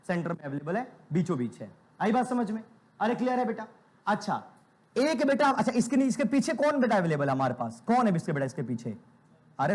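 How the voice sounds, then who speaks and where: A young man teaches biology in a classroom lecture, and his voice sits high and swoops up and down with animated energy. He keeps firing questions at the class, repeats them, and answers them himself. He calls the students "beta" every few lines.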